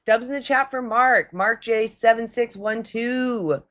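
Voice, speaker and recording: On her casual call-in livestream, a hoarse-throated woman with a raspy voice chats loosely, laughs a lot, and talks back to her chat. Her voice is on the high side and a bit bright, and she speaks a little slowly.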